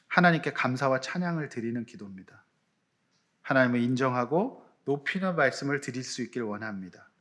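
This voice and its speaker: A man preaching a Sunday sermon as pastor, lively and emphatic, dropping into quiet acted prayers. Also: mid-range voice. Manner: animated preaching, swinging from loud emphasis to hushed prayer voices.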